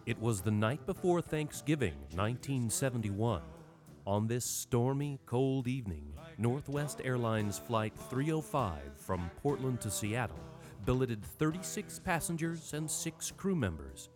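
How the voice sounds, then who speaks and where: A man's voice: mid-range voice, sing-song, a little slow. A man hosting a podcast, narrating history from a script in a dramatic, irreverent way. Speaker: podcast host. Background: music.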